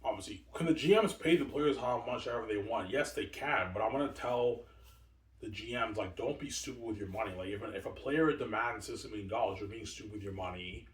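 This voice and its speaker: Recorded in an echoey room far from the microphone, this fortysomething video host speaks briskly in a lowish voice. He wanders through a lengthy monologue, tripping over words, repeating points, and answering his own questions.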